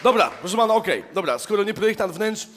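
A man playing an exasperated, high-voiced office clerk. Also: animated, fast, noisy background. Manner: exasperated, repeats polite address, bursts into song. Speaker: comedian. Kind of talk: cabaret sketch. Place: theater stage.

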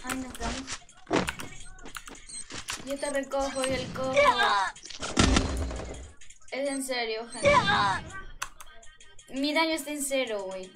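A young woman live-streams a game, chatting playfully with her chat and shrieking during fights. Her voice is high-pitched and unhurried, with long pauses. Loud music plays underneath her.

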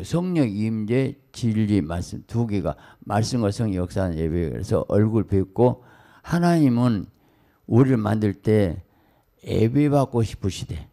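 A middle-aged male pastor preaches a dawn prayer sermon in a low, dark, gravelly voice. He talks in hurried, broken bursts and throws in quick exclamations and asides. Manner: excitable, rapid-fire exclamations and asides. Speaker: senior pastor.

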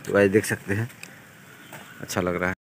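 A man's voice: deep voice, little pitch movement, fairly quick. A young man narrating a casual walking vlog outdoors on a foggy morning, chatty and always pointing out what viewers can see, filmed on a handheld phone. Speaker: vlogger. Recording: clear street noise and passing vehicles.

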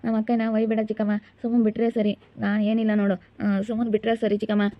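A woman puts on a village boy who protectively pleads for his sister in a home-made drama. He talks fast and defensively, from a little off the mic. The sound is dull, with faint background noise. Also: on the high side, little pitch movement, natural voice. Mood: pleading.

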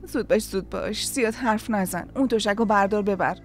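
A woman's voice: medium pitch, soft background music, natural voice. An actress dubbing a sarcastic, bossy woman who mocks and orders around her sister-in-law in a TV drama. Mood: mocking. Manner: sarcastic and bossy, hurrying others along. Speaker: dub actress. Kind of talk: Persian-dubbed TV drama acting.

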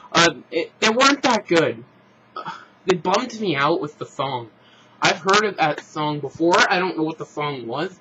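A man talks through a casual vlog review in a bright, slightly raised voice, rambling and blunt, often stopping to restart his sentences. The recording is muffled and lo-fi, with a faint hiss underneath. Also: on the high side. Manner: rambling, frank, with restarts and self-corrections. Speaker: show reviewer. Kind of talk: casual opinionated vlog commentary.

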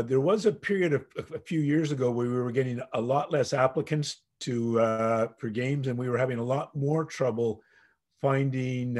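Husky-voiced man, halting panelist. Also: mid-range voice, a little mellow. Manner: halting, self-correcting restarts. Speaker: physician panelist. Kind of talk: answering questions on a webinar.

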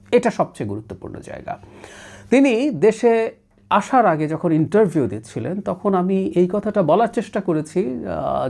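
Guy from bangladesh doing a solo political commentary show, emphatic, pitch jumps all over, mixes english words in. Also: vocal fry, a little mellow, husky. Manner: emphatic, often slips English phrases into his talk. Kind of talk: analytical commentary monologue.

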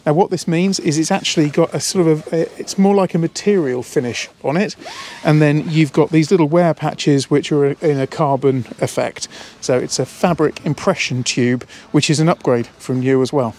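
A slightly high-voiced man in his thirties walks a camera through a boat outdoors at a marina. He talks with enthusiasm, repeating words and dropping in fillers as he points things out. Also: moderate pace, a little mellow. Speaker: boat salesman. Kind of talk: walkthrough tour. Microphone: handheld camera, speaker walking around it.

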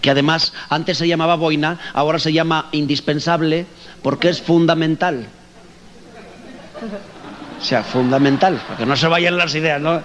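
A man's voice: on the high side, steady tone, moderate pace, long pauses, fairly bright tone, muffled recording, a little hiss or hum. A middle-aged man with a Mexican accent doing a chatty, teasing stand-up comedy routine on a stage before a live audience.

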